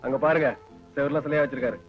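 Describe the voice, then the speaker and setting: An actor playing a simple, kind-hearted village helper with a Kongu Tamil accent, talking deferentially and politely. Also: male voice, fairly high pitch, fairly even intonation, very fast, faint music behind, natural voice. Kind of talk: film acting. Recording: dull lo-fi film audio.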